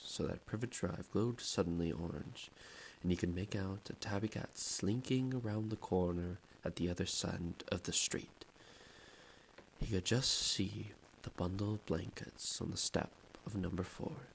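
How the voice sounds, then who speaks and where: Male audiobook narrator, very low, husky-edged gravel, steady pace. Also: a little slow, slight background noise. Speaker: audiobook reader.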